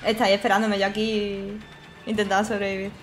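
A woman's voice: medium pitch, level tone, quick pace. A woman with a Spanish accent from Spain, streaming a game with casual commentary, swearing and laughing as she plays. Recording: faint game music behind.

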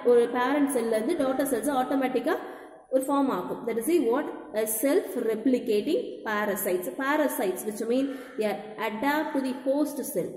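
A woman teacher with a South Indian Tamil accent speaks very quickly in a mellow, fairly high voice. She drills points by repetition, posing questions and answering them herself. The room rings with echo. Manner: didactic, repetitive, asks and answers own questions. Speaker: biology teacher. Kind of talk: school lesson mixing two languages. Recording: echoey, reverberant room.

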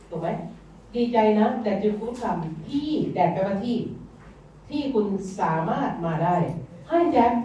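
Thai lady teacher drilling english words, mellow voice, far off in a big echoey room. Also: medium pitch, slight background noise. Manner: coaxing, drills students to repeat words aloud. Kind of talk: classroom lesson. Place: classroom. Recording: distant roomy classroom sound, dull.

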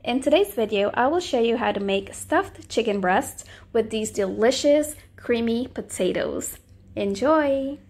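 A woman's voice: fairly high pitch, expressive, a little slow, a little mellow. Friendly woman narrating a cooking recipe. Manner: friendly step-by-step instructions. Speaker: cooking channel host.

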